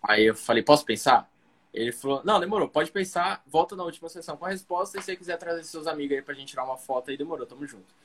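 Racing through a long story in casual slang, a young guest comedian from Cuiabá, Brazil, speaks in a slightly high voice over slight background noise. He performs the other characters as he goes.

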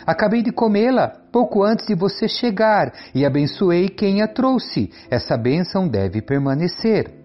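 A man's voice: high voice, very animated, measured pace, hardly any pauses, lo-fi sound, pitched above the performer's own voice. A man reading as an old blind father, solemn. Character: aged blind father blessing his son.

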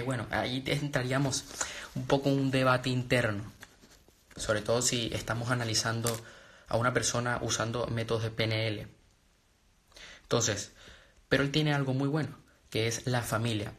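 Fairly even in intonation and fairly bright in tone, this medium-pitched male voice moves at normal speed, with a little hiss or hum behind it. The speaker, a young trading and personal development coach from Venezuela, rambles earnestly through a motivational live-stream chat, restarting often and leaning on fillers.

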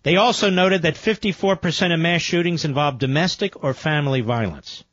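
A man's voice: fairly quick, a bit bright, dry recording, lo-fi sound. An American man, a talk radio host, delivering an emphatic infomercial-style read. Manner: emphatic sales pitch, repeating offers and phone number.

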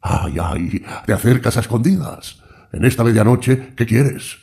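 A man's voice: medium pitch, lively intonation, unhurried, vocal fry, warm tone, pitched above the performer's own voice. A man voicing a trembling old man who cries out in anguish to an unknown god. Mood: anguished pleading. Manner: anguished pleading, rising cries.

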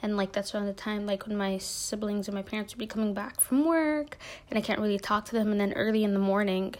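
A woman's voice: medium pitch, fairly even intonation, quick pace. Chatty young woman hosting a solo podcast. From Minneapolis, United States. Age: young adult. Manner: chatty and rambling, many fillers and self-corrections. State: a bit nervous. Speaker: podcast host. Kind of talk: casual solo podcast talk.

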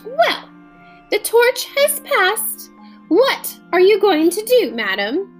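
A woman voicing an excitable male spaceship captain in a storybook reading, with a high, strained voice. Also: takes it slowly, soft background music, heavily acted. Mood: dreamy. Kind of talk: audiobook character voice.

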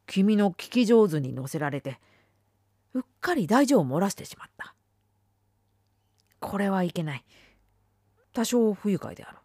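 A woman reading a literary essay aloud, dramatic, swinging between firm declarations and hushed whispers. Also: mid-range voice, sing-song, moderate pace, long pauses, slightly rough, no echo, studio quality. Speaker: reader.

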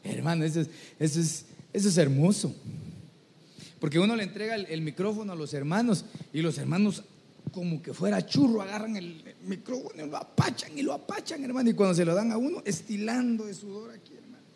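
A man's voice: high voice, animated, a little fast, gravelly, mellow. A man preaching a sermon, telling stories animatedly and often calling listeners brother. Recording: long hall reverb.

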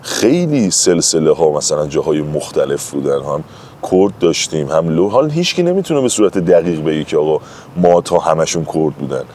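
A man's voice: very deep voice, sing-song, mellow, slight background noise. A man talking as a guest in a casual conversation, telling anecdotes in an emphatic, chatty way.

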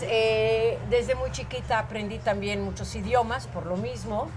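Brief: woman in her sixties, lively storyteller who stretches her words, music underneath. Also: on the high side. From Portugal, raised in Israel. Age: 60s. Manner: animated, drawn-out storytelling, laughs easily. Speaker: actress, interview guest. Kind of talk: casual interview storytelling. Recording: music playing behind the voice.

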